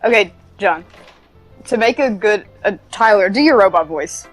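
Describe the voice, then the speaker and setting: A woman's voice: medium pitch, animated, moderate pace, soft background music. Woman co-player; teasing, eager casual banter.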